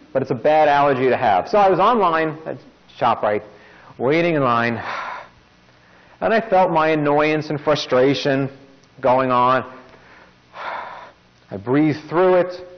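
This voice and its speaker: A man hosts a casual self-help talk. His slightly high voice swings up and down as he talks, and he slips in dry jokes. The recording sounds dull and lo-fi. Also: unhurried, long pauses. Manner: wry jokey asides, lively delivery. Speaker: podcast host.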